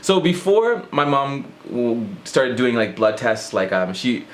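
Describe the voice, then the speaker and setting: A man's voice: medium pitch, sing-song, slow, slight background noise. A man vlogging in a casual rant to camera, rambling and self-mocking as he jumps between thoughts.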